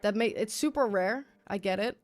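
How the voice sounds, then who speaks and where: A woman with a medium-pitched voice talks at a normal speed on a livestream, chatting casually, rambling, repeating herself and swearing freely. Music plays behind her.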